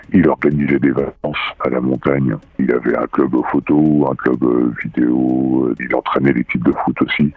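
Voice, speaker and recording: A man giving a halting testimony, his voice disguised with a voice changer. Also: creaky, husky, no echo. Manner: slow, halting testimony with pauses. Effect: voice changer, pitched very low. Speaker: interviewed witness. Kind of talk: radio interview testimony. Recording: phone-like narrow band, dry.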